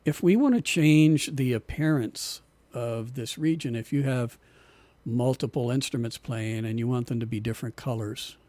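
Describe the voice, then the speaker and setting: Man, instructor, online class, mellow, slightly hoarse, dry sound. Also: mid-range voice, moderate pace, no room sound. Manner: relaxed, repeats words while explaining. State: losing his voice. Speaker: music production instructor.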